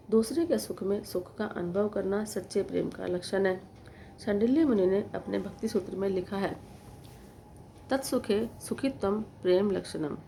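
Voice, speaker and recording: A woman giving a devotional scripture discourse, recited in a slow, measured way. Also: medium pitch, dark tone, a little hiss or hum. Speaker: devotional storyteller.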